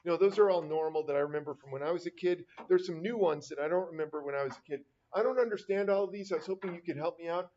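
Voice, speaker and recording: Wry rambling math teacher, lo-fi sound. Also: male voice, on the high side, racing, few pauses, dark tone, a little hiss or hum. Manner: rambling, wry, self-deprecating asides. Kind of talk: casual classroom lecture. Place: classroom. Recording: dull lo-fi classroom recording.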